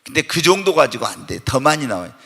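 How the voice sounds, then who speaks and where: A pastor preaching a Wednesday night church sermon, animated and full of rhetorical questions put to the congregation, sometimes bursting into loud shouted emphasis. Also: male voice, medium pitch, fast, vocal fry, breathy edge. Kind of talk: Korean evening church sermon. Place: church sanctuary during a Wednesday night service. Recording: long church-hall reverb.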